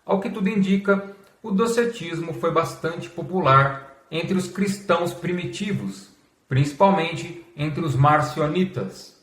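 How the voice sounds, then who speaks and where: A Brazilian man narrates a scripted explainer in a fairly high-pitched voice. His delivery is formal and measured, like someone dictating a text. The room adds a clear echo around his words. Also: lively intonation, fairly bright tone. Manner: measured, formal reading that announces quotation marks aloud, as if dictating. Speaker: host of a religious history channel. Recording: echoey, reverberant room.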